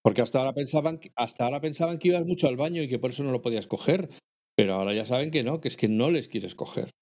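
A man's voice: mid-range voice, racing, a little mellow. A man co-hosting a casual podcast, reading out a listener's email with joking, self-mocking asides. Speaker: podcast co-host.

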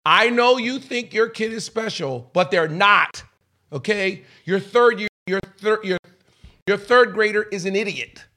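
A man in his fifties from the United States, telling stories in an animated podcast chat and tagging lines with "okay?". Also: high-pitched, unhurried. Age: 50s. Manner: emphatic, repeats "okay?" often, acts out quotes. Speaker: guest.

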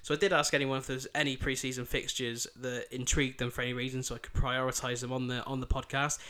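A man's voice: mid-range voice, level tone, quick pace, sharp tone. A man with a thick Yorkshire accent hosting a football podcast, previewing fixtures in an informal, chatty way. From Bridlington, East Yorkshire, England. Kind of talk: podcast fixture preview, part scripted, part casual chat.

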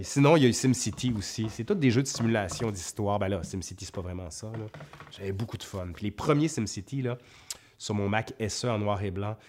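A man speaks in a fairly low voice with a clear Quebec French accent. He chats casually to viewers as a host, reading out their questions and answering them off the cuff. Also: a little mellow. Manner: conversational, reads questions aloud then answers off the cuff. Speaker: history video host.

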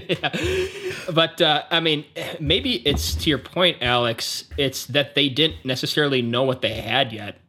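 A man's voice: mid-range voice, moderate pace, few pauses, sharp tone, a little hiss or hum. A man co-hosting a podcast, chatting in a meandering way with frequent laughs. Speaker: podcast co-host. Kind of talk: casual chat.

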